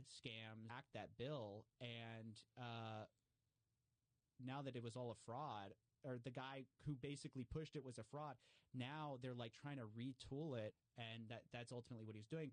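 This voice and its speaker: A man talking casually and explaining at length, animated, with frequent fillers and restarts. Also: mid-range voice, no echo.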